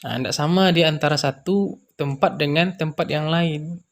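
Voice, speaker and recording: A man teaching language terms in an unhurried lecture, repeating example words and pausing with frequent fillers. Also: fairly high pitch, creaky. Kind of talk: explanatory lecture.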